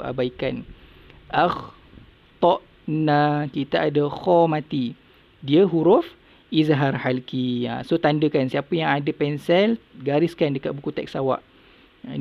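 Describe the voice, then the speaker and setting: Malaysian man, quran teacher, gravelly voice, slow patient explaining, dull lo-fi sound. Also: fairly high pitch. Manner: patient, repetitive step-by-step explaining; melodic Quranic chanting. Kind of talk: TV lesson for schoolchildren.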